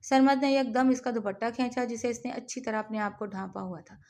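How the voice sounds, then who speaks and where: Woman narrator, novel reading, steady measured delivery, fairly high voice. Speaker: audiobook narrator.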